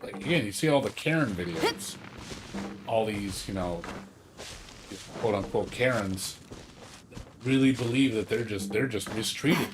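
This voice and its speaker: A man's voice: lowish voice, animated, unhurried, pauses often. Ranting male streamer, noisy mic. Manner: ranting, profane, rambling with fillers. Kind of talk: casual chat while gaming.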